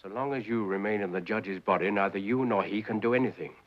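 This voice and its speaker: An actor playing a suave, scheming devil who rules hell, speaking in grand, theatrical phrases, on an old 1940s film soundtrack. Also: male voice, lowish voice, fast, dull audio, natural voice. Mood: cool.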